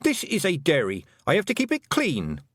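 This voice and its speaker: In an audiobook character voice, a man plays a practical, stern young farm girl, delivering lines crisply and firmly. He pitches his voice above its natural range, fairly high and bright, with wildly swooping, exaggerated inflection at normal speed. The clean studio recording has no room sound.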